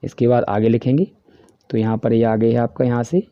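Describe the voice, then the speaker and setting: A man with a Hindi accent teaching a class worksheet, explaining each answer step by step and reading the English questions slowly. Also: mid-range voice, level tone, no room sound. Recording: dry, dull lo-fi voice-over.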